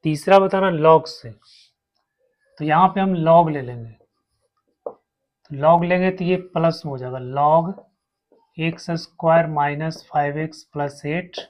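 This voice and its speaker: A man's voice: a little high, slow pace, pauses often. A man teaching a maths lesson, walking his students through each step and repeating terms as he writes. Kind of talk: slow blackboard maths lesson.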